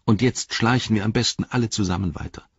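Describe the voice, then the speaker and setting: A man voicing a loyal, plain-spoken male hobbit who talks bluntly in a raised, lively voice, in a slightly dull recording. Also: on the low side, quick pace, husky, no room sound, voice pushed up.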